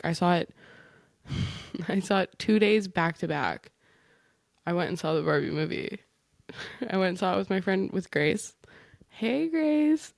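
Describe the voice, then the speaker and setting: A woman's voice: on the low side, gravelly, a little mellow, no echo, clean studio sound. A young woman in her twenties hosting a casual solo podcast, rambling and chatty, often breaking off mid-thought. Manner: rambling, chatty, self-interrupting. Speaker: podcast host.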